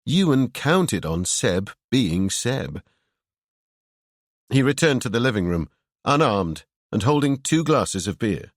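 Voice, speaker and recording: A man narrating a horror audiobook in a measured, brooding storytelling manner. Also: mid-range voice, no room sound, studio quality.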